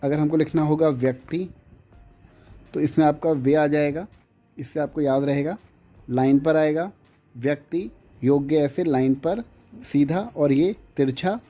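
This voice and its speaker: Male steno teacher, slightly high voice, mellow tone, slow drawn-out words, asks and answers his own questions. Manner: slow, drawn-out repetition of words while writing; asks the viewer questions, then answers them. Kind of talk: classroom-style lesson.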